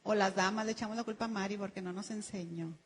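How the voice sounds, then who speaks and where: A woman's voice: medium pitch, fairly even intonation, fast, a little hiss or hum. A woman pastor preaching a sermon to her congregation, addressing them as brothers and sisters and acting out people's excuses in quoted voices. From Mexico. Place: church sanctuary. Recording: long reverb of a church hall.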